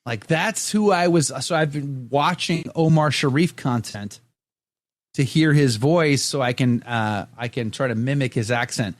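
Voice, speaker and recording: A middle-aged man with a medium-pitched voice hosts a podcast, speaking at a measured pace with no echo. He chats casually and cracks jokes while reading viewer comments aloud.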